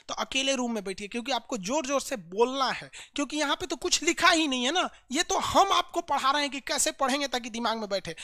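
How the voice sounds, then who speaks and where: A man's voice: extremely high pitch, sharp tone. A man teaching a geography map lesson, chatty and repeating place names in chant-like drills.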